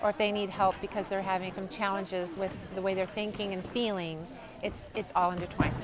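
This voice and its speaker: A woman's voice: medium pitch, flat delivery, fairly quick. A woman foundation founder speaking earnestly in an interview.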